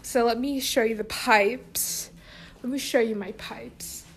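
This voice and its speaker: A woman's voice: a little high, steady tone, slow pace, a little hiss or hum. A woman hosting her own podcast at home, chatting casually in a playful, giggly, self-mocking way while walking around the house. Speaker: podcast host. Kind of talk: casual solo podcast chat.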